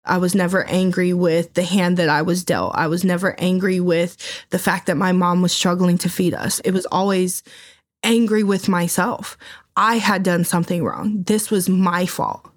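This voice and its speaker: A woman's voice: lowish voice, little pitch movement, moderate pace. A woman with a Midwestern American accent, a labor organizer who speaks earnestly and with feeling as she reflects on her life. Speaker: labor organizer, former fast-food worker. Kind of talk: interview storytelling.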